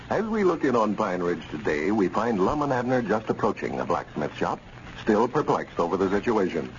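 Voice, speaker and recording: A male announcer narrates in the folksy manner of 1930s and 40s radio. His delivery swings widely in pitch. The recording is muffled, with light background noise.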